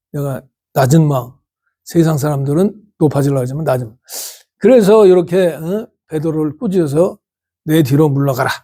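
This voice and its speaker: Animated Korean pastor, mellow voice. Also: male voice, fairly high pitch. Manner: animated preaching with frequent rhetorical questions to the congregation. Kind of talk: sermon.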